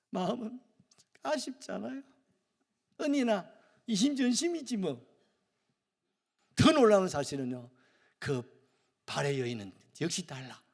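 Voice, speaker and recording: A male pastor with a Gyeongsang accent preaching a sermon, jumping from loud questions to hushed whispers. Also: high voice, sing-song, slow, vocal fry, pauses often, long reverb tail. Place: church sanctuary.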